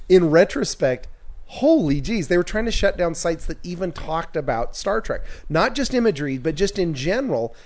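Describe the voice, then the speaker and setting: A man co-hosting a podcast in casual chat, loose and animated, with quick asides. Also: fairly high pitch, dry recording. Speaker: podcast co-host.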